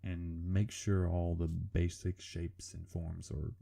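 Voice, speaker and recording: Rumbly, gravelly man with a serial-killer voice. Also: monotone, takes it slowly, warm tone. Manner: self-deprecating, hesitant, casual swearing. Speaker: artist narrating a drawing video. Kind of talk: informal drawing commentary voice-over.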